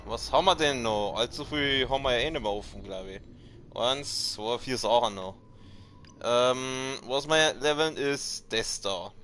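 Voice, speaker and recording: A man's voice: medium pitch, measured pace, a bit bright, a little hiss or hum. Man gaming, slangy and cocky. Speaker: let's player. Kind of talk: casual gaming commentary. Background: game music and effects.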